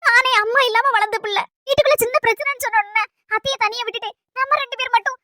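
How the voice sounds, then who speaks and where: Woman doing a shrill young village wife. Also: fairly even intonation, sharp tone, dry recording. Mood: pleading. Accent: Kanyakumari Tamil. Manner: quick, shrill, emphatic. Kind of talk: comic family skit.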